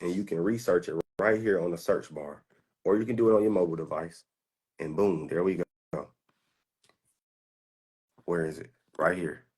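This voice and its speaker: A man's voice: deep voice, moderate pace, long pauses, darkish tone, husky. A man in his twenties from the United States, a stock trader giving a boastful, profane, confrontational rant while showing his screen. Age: 20s.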